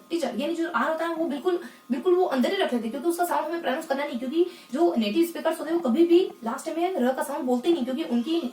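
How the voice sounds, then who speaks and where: A woman teaching English phonetics in a lesson, asking the class questions and answering them herself, and repeating key words slowly. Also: high voice, darkish tone, reverberant, far from the mic, slight background noise. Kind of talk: explanatory lesson in Hindi.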